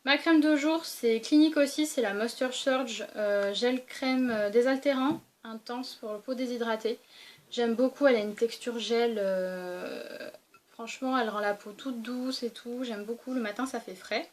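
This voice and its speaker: Chatty young woman, higher voice. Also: normal speed, slight background noise. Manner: chatty, many fillers and restarts. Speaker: beauty vlogger. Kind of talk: casual show-and-tell vlog.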